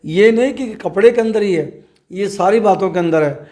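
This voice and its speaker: A man, a trade representative, giving measured, emphatic interview answers and often posing rhetorical questions. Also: sits high, mellow. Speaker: trader association leader interviewed as guest.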